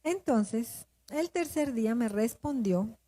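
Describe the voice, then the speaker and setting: Colombian lady pastor sharing her story in a sermon, higher voice, soft mellow tone. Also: lively intonation, slow. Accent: Colombian Spanish. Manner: emotional, confessional storytelling with rising emphasis. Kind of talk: sermon testimony.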